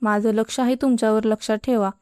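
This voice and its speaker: A woman's voice: fairly high pitch, steady tone, fast talker, warm tone, dry recording, studio quality, close to an everyday voice. A woman voicing a stern but kind middle-aged male math teacher, scolding his students.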